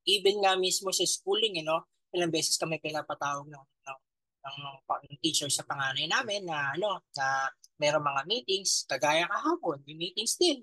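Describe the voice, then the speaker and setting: A man in his thirties with a Filipino accent gives an animated motivational talk to a live audience. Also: fairly high pitch, dry recording, low-quality recording. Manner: animated, talks straight to the audience. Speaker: motivational speaker.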